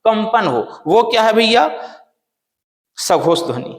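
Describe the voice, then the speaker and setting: Lively man teaching in an echoey room. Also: sits high, slow pace. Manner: asks the class questions and answers them himself; repeats key terms many times. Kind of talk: Hindi grammar lesson. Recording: roomy reverberant room.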